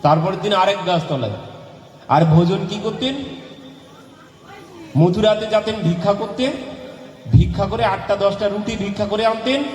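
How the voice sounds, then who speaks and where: High-voiced man preaching in an echoey hall. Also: moderate pace, long pauses, a little mellow. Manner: repeats lines for emphasis, asks rhetorical questions. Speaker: Bhagavata preacher. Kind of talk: devotional sermon. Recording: echoey hall with faint background noise.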